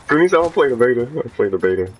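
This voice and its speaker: A man's voice: mid-range voice, brisk, slight background noise, rough recording. A man streaming a shooter game, chatting casually with teammates over a headset and laughing often. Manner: excitable, laughs often, talks over gameplay. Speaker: streamer and gamer. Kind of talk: casual gaming commentary with party chat.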